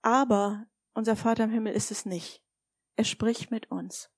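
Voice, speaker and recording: A woman's voice: on the high side, fairly even intonation, moderate pace, dry recording, studio quality. A woman preaching a sermon, telling stories and asking her listeners direct questions. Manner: warm, storytelling, addresses listeners directly with questions.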